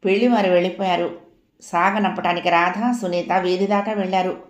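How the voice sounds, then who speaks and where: A woman reading a family novel aloud as an audiobook narrator, with steady storytelling. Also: fairly low pitch, normal speed. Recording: roomy echoey home recording.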